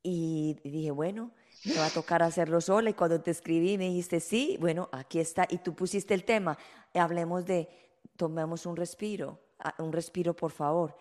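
A woman hosts a spiritual conversation and talks in an affirming way about faith and signs. Her voice is fairly low, and a long reverb trails her words. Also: moderate pace, darkish tone. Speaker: host.

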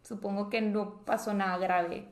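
A woman's voice: medium pitch, steady tone, a little slow. Chatty young woman, roomy sound. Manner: chatty, dramatic, many fillers like "o sea" and "tipo". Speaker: podcast co-host. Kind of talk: casual storytelling chat. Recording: roomy echo.

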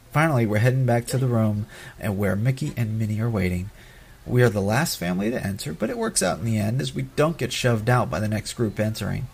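A man's voice: mid-range voice, creaky, darkish tone. A middle-aged man telling personal stories as an audio host, in a casual, sentimental way. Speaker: podcast host narrating family trip memories.

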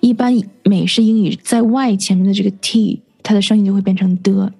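A woman with a husky, mellow voice teaches English vocabulary in a radio studio. She explains each word patiently and spells it out slowly, letter by letter. Soft music plays faintly underneath. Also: medium pitch, steady tone.

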